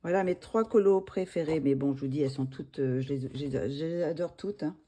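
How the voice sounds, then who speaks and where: A woman's voice: deep voice, a little fast, warm tone. A woman hosting a coloring vlog, casually showing her favorite pages with many hesitations and restarts. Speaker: coloring channel host. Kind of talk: casual show-and-tell vlog.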